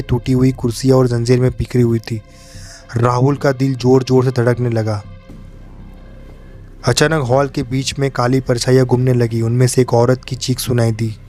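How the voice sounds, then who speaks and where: A man narrating a horror story in a steady, dramatic way. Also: medium pitch, normal speed, faint music behind.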